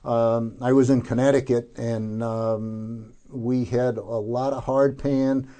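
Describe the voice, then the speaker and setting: An older man being interviewed as a gardener, informally explaining how to do things, haltingly and often searching for words. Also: mid-range voice, little pitch movement, mellow.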